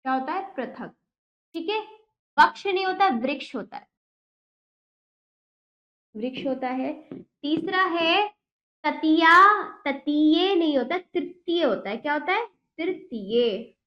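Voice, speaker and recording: A woman teacher reading a children's textbook lesson aloud with slow, deliberate diction and quizzing the children with questions. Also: high voice, lively intonation. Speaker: primary school Hindi teacher. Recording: roomy, dull lo-fi sound.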